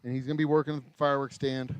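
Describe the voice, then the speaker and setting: A raspy-voiced American man in his forties, medium in pitch and level in tone, hosts a casual livestream from his small craft distillery shop while he works. He talks at a racing clip, rambling, cutting himself off and swearing mildly, his voice worn from hours of talking. There's no room sound.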